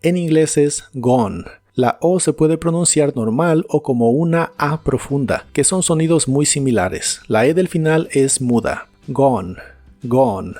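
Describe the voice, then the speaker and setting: A man narrating a scripted English lesson, slowing down to repeat each English word carefully for pronunciation. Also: a little high. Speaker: English teacher. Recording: soft music behind the voice.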